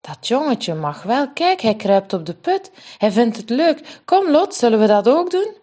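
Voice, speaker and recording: Two small twin girls chatter in high, eager voices, bright and quick with excitement, as a woman reads them aloud. It is a storybook voice for little children, pitched well above an ordinary speaking voice. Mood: excited childlike.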